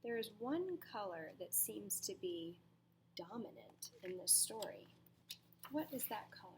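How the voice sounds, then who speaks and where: This teacher's voice sits in the mid-range and is full of expression, with background noise behind it. Reading a picture book to a group of kids, she leans on dramatic emphasis, pauses for effect, and turns to the children with questions.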